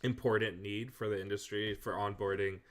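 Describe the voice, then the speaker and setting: Low-pitched man hosting a video call interview. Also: steady tone, moderate pace, a bit bright. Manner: friendly, encouraging, fillers. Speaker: interview host.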